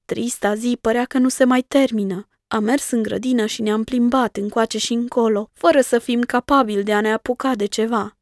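A woman reads a children's story in the first person, gentle and measured. Her voice sits somewhat high, and the recording is close and dry. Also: fairly even intonation, no room sound. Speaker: storybook reader.

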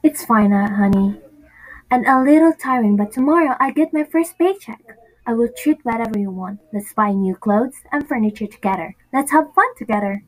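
A woman's voice: a little high, animated, moderate pace, rough recording. A woman playing a devoted, determined single mother in an amateur audio drama, earnest and emotional. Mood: warm.

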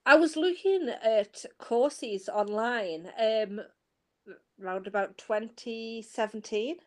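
A woman's voice: a little high, slow pace, a little mellow. An earnest woman speaks as a podcast guest, recounting how she came to tarot and coaching. Her talk is casual and unpolished, looping back to restart phrases as she goes.

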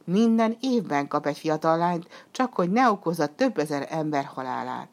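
A woman voicing a gentle, protective young girl in a storybook reading, urgent and pleading. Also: deep voice, lively intonation. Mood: worried.

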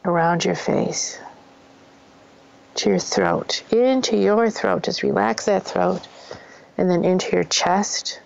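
A woman with a lowish voice speaks in a soothing, gentle murmur, as a host leading a guided meditation. Her delivery is unhurried, with some creak at the edges. The audio is a little dull and lo-fi. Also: big pitch swings, a little hiss or hum. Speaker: host of a spiritual self-help show.

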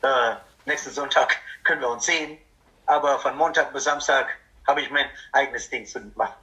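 A man preaching a lively sermon as a pastor, speaking German with a non-native accent, acting out grumbling churchgoers and tagging questions onto his points. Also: mid-range voice, normal speed, low-quality recording. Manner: animated, acts out objecting churchgoers, frequent tag "ja?".

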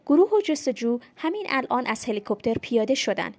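A woman's voice: a little high, big pitch swings. A woman whispering as a little child on the phone, whispered role-play. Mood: hushed. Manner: hushed, very quiet, terse replies.

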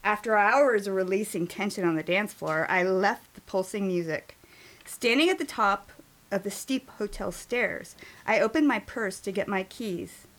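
A woman's voice: mid-range voice, normal speed. A woman in her fifties reading her own memoir aloud at a writing workshop, telling it expressively with dramatic emphasis.

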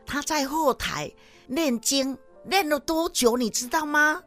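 A woman sales manager, telling a story in a lively lecture that often addresses the audience. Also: high voice, measured pace, soft background music. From Taiwan.

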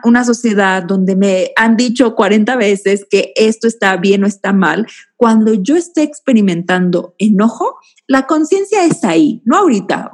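A woman, a guest explaining feelings in a reflective, teaching way and addressing the host by name. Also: mid-range voice. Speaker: guest speaker on emotions. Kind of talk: explanatory conversational talk.

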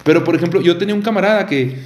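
A man's voice: high voice, very fast, echoey room. A man with a Mexican Spanish accent, co-hosting a casual podcast chat, slangy and laughing as he tells stories. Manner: slangy, laughing, lively storytelling. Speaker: podcast co-host.

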